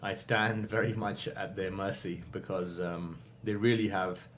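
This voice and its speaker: Low-voiced guy in his 50s, thoughtful, lots of ums, faint hiss behind. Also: fairly even intonation, measured pace, a bit bright. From England. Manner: thoughtful, many fillers, self-correcting. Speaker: guest. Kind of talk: reflective interview answers.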